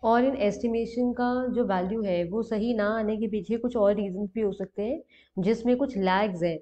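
A young woman lectures in a patient, explanatory way, weaving English terms into her sentences and checking in with her listeners. Her voice is warm and dark-toned, at an ordinary pitch. The recording sounds muffled and lo-fi. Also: normal speed. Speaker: economics teacher. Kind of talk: explaining lecture over a diagram. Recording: dull lo-fi recording.

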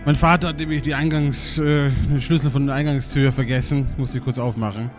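A young man giving casual, excitable gaming commentary, swearing and laughing often as he plays. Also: medium pitch, fairly quick, over music. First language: German. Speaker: let's play gamer.

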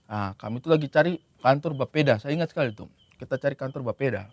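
A man's voice: medium pitch, quick pace, breathy edge, dry recording. A young man in a casual chat, animatedly telling a story he insists is true. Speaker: podcast co-host.

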